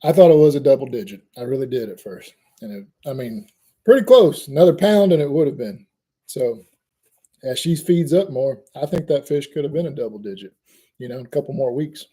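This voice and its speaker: A man, hosting a fishing channel and telling a lively fishing story in casual chat. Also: medium pitch, a little fast, husky. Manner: animated storyteller, Southern y'all, laughs at own jokes.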